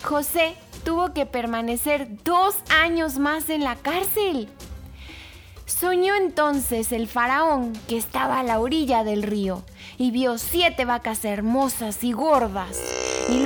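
A woman hosting a weekly children's story show, narrating in an animated, expressive way with emphatic repetition. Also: high voice.

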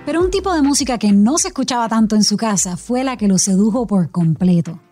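A woman's voice: a little high, animated, a little fast, mellow, no echo, faint music behind. Puerto Rican woman narrating a podcast. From Puerto Rico. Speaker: podcast host and journalist. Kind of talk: scripted narration and interview.

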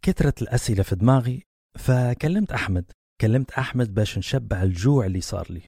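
Man, Libyan accent, podcast host, dark mellow tone, enthusiastic, thinks out loud. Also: medium pitch, lively intonation, quick pace, slightly rough, no echo, studio quality. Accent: Libyan Arabic. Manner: enthusiastic, musing aloud. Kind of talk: casual podcast conversation.

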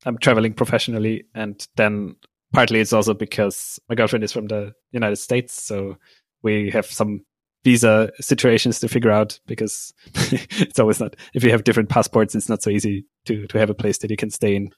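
A man's voice: fairly low pitch, fairly quick, dry recording. A man from Austria, a podcast guest, chatting casually with frequent laughs and fillers. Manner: relaxed, laughs often, many fillers. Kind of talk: casual interview conversation.

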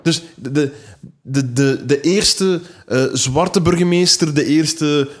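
Tired podcast co-host, 20s; stammers and repeats himself in loose chat. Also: male voice, on the high side, takes it slowly. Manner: stammering, repeats words often. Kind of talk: casual chat.

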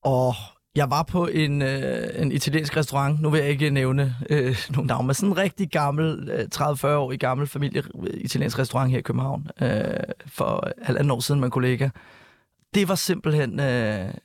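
A man talking as a chef guest in a casual podcast chat, halting and full of fillers and restarts. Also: mid-range voice, dry recording, studio quality.

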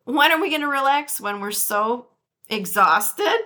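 A woman's voice: on the high side, lively intonation, unhurried, bright, forceful tone. A woman with a Midwestern Detroit accent hosting a casual solo podcast, chatty and often laughing as she talks to her listeners. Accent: Midwestern American (Detroit). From Detroit area, USA. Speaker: podcast host.

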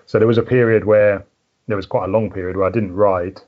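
A man's voice: on the low side, fairly even intonation, brisk, narrow, tinny audio. A middle-aged man with a southern English home counties accent, chatting casually as an interview guest in a hesitant, thinking-aloud way. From southern England. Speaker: podcast guest, mountain biker.

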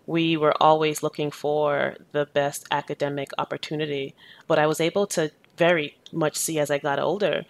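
Earnest woman with a gravelly edge. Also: low-pitched, dry recording. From Jamaica. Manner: thoughtful, earnest, many "you know" fillers. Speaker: educator and activist, interview guest. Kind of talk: reflective interview answers.

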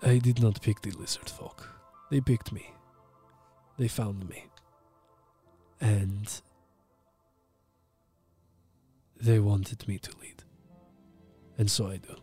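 A man voicing a calm, stoic, benevolent ancient male dragon in a deepened voice with a put-on Russian-like accent, speaking slowly and in measured tones. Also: breathy edge, soft background music. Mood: calm, solemn. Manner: slow, calm, measured pronouncements.

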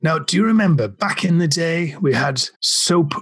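A man's voice: on the high side, animated, moderate pace, fairly bright tone. A man playing an earnest, self-assured professor in a comedy radio sketch. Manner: earnest, mock-scholarly.

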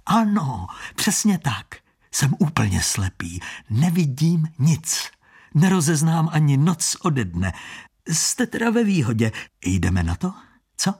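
Man doing a loud, needling blind street hustler. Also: huge pitch swings, breathy edge, heavily acted. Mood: taunting. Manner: shouting, needling, high and pushy. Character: loud taunting blind male street shell-game hustler.

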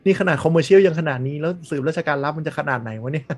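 A man chatting casually on a podcast, blunt and animated, swearing freely. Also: a little high, fast. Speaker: podcast host. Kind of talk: casual chat.

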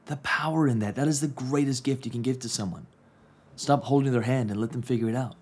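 This thirtysomething business coach and podcast host talks quickly in a husky, mid-range voice. His casual reflective monologue is earnest, and he keeps repeating key phrases to stress them.

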